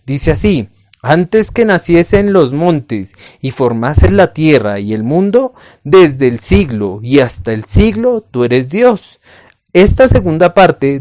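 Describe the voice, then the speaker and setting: A man teaching a recorded Bible lesson to camera, speaking slowly and emphatically, asking questions and answering them himself, and addressing the listener as a friend. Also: a little high, darkish tone.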